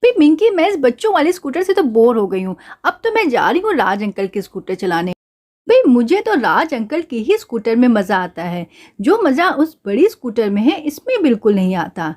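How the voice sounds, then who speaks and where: A woman's voice: a little high, sing-song, moderate pace, darkish tone, pitched below the performer's own voice. A woman voicing a playful, cheeky little girl doll in a doll play story, talking in a sing-song, boastful way.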